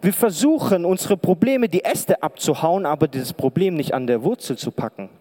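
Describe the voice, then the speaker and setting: A man preaching to an audience from a stage, talking conversationally and firing question after question at them. His voice sits a bit higher than most men's, and it rings out with a long reverb from the big hall around him. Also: animated, normal speed, dark tone. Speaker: preacher and pastoral counselor. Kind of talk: sermon. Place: lit stage before an audience in a large hall.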